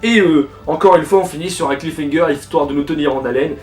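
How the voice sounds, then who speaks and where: A man's voice: a little high, fast talker, a little mellow, reverberant, distant mic. Brief: young male reaction host, informal and filler-heavy, a little off-mic with faint music behind. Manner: informal, rambling, with many fillers and swearing. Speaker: manga reaction video host. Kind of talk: casual reaction commentary.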